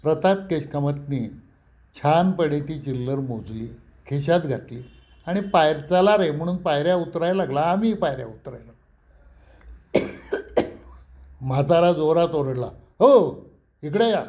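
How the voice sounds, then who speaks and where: A man telling a personal story from his younger days in a relaxed, conversational way. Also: fairly high pitch, measured pace, long pauses. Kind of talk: anecdotal memoir storytelling.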